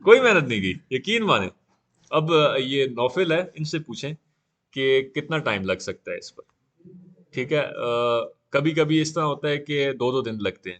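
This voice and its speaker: A man teaching a live beginner class on 3D software, talking casually and often saying "okay" while he works. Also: mid-range voice. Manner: casual, repeats "theek hai" often. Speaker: 3D software instructor.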